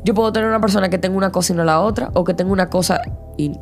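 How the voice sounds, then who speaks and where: A woman, co-hosting a podcast in casual chat and asking quick, probing questions. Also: mid-range voice, steady tone, vocal fry, faint music behind. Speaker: podcast co-host.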